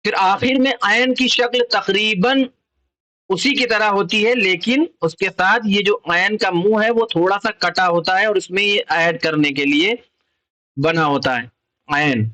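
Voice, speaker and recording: High bright-voiced patient male teacher. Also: low-quality recording. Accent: Urdu. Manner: patient, repeats letter names and sounds. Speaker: Arabic alphabet teacher for children. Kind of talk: slow explanatory lesson.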